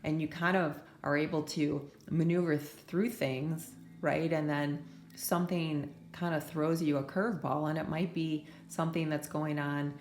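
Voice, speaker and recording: A tarot reader speaks in a low, steady voice, slightly slow, within an echoing room. Her pick-a-card reading is soft and soothing, her voice roughened a little by allergies, with many "right?" asides.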